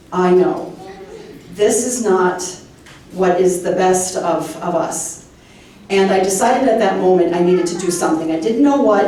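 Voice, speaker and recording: A woman's voice: medium pitch, warm tone, slight background noise. A woman state representative and former teacher giving a heartfelt, rallying campaign speech. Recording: echoey room from far off.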